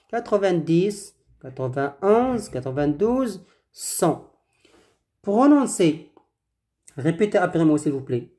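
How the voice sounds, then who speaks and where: A woman's voice: sits low, dark tone. A woman teaching a French grammar lesson, patiently asking and answering drill questions and repeating words for pronunciation.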